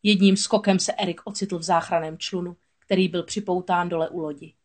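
Woman reading a storybook aloud. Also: lowish voice. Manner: steady, expressive reading. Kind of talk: storybook read-aloud narration.

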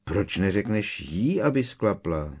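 A man voicing a sharp-tongued, defiant teenage boy who needles with sarcasm. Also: fairly low pitch, sing-song, breathy edge. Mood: mocking.

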